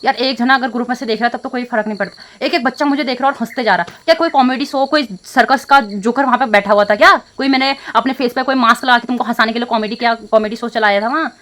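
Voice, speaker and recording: A woman's voice: fairly high pitch, steady tone, racing, few pauses, a bit bright. A young woman vlogger talking to her phone camera in a casual, upset way, rambling with many fillers and restarts. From India. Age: young adult. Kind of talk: casual emotional vlog talk to camera.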